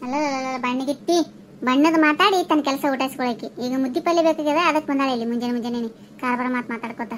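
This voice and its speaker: A grumbling old village housewife, voiced by a woman, rattles off gossip and scolding at a racing clip in a high, thin voice. She has a North Karnataka Kannada accent and a tongue quick to fire back. Faint room ambience hums behind her in this cartoon. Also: fairly bright tone, slight background noise. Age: older. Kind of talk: comic cartoon voice acting.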